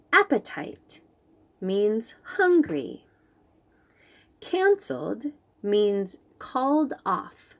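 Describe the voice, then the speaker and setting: A woman brings a picture book to life for young children, reading slowly and with great expression. Her pitch swoops up and down a lot, and her manner stays lively and animated.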